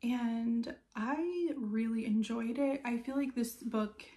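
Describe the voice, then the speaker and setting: A woman's voice: a little high, slow pace, mellow. A woman around her thirties giving a casual, chatty book review in a conversational way, with loose asides. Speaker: book reviewer and video host.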